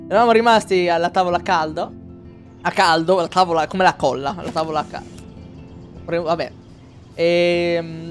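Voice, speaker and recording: A man streaming a video game, casually commenting, rambling and swearing with jokes as he plays. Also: fairly high pitch. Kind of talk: casual let's-play commentary.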